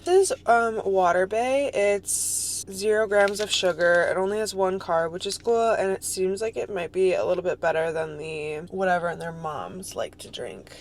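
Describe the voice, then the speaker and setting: A woman's voice: fairly low pitch, normal speed, hardly any pauses, slight background noise. A young woman in her twenties vlogging in a casual, bubbly, gushing and earnest way. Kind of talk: casual vlog chat.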